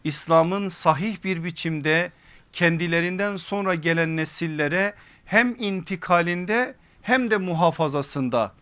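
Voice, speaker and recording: A man delivers a religious lecture at a pulpit microphone in a fairly high, smooth and resonant voice. He builds his points in deliberate phrases, with emphatic repetition in a preacher's rhetorical style. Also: fairly bright tone. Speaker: preacher giving a religious lesson series.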